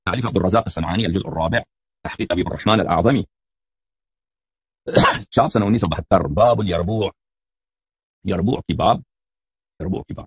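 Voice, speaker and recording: A middle-aged man lectures from a stack of books, reading out Arabic titles and then explaining them. His low voice is gravelly and husky, and his pitch jumps widely as he talks. The sound is dry and close. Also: no echo. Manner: cites Arabic book titles, then explains in Urdu, asks listeners questions. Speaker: religious debater.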